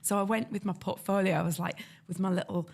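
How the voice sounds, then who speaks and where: Quick and creaky at a medium pitch, the woman talks as a guest illustrator in an informal interview, her North East English accent clear. She's animated, slipping into the voices of those she quotes as she tells her stories.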